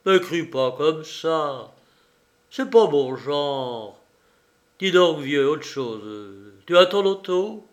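A man reading aloud and voicing a composed, commanding gentleman who speaks firmly and with dry irony. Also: fairly high pitch, big pitch swings, slow pace, few pauses, voice pushed up. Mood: ironic command. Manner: firm, sardonic, raised voice. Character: cool, commanding gentleman hero, ironic. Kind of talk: audiobook reading.

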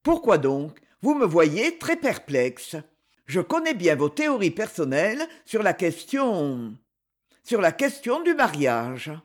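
Male reader as a polite, persistent gentleman in a storybook; formal, lively pitch. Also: slow pace, heavily acted. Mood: earnest. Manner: courteous, formal, insistent.

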